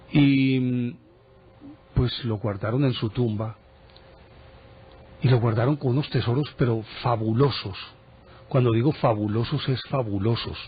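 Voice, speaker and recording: A man presenting a TV program, telling a history story casually with lively asides. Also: medium pitch, breathy edge. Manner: animated storyteller, chatty asides. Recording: dull broadcast audio.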